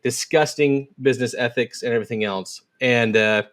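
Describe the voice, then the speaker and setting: A man's voice: medium pitch, fairly bright tone. A man hosting a casual podcast conversation, sometimes reading written posts aloud at speed. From United States. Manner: reads quoted posts aloud quickly. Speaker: podcast host.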